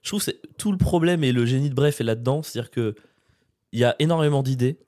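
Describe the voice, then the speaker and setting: A man from France co-hosting a podcast, rambling and poking fun at himself in quick slangy bursts. The sound is dry and close to the mic. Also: medium pitch, mellow, no room sound. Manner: slangy, rambling, self-mocking. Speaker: podcast co-host. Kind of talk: casual chat.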